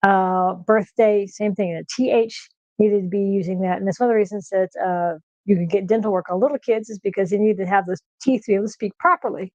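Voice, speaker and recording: A middle-aged American woman chats with viewers on a home cooking stream. She rushes her words when she gets excited and stops now and then to find the next one. The sound is dull and lo-fi, with a dry, close feel. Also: mid-range voice, dry recording. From United States. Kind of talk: casual chat on a cooking stream. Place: home kitchen.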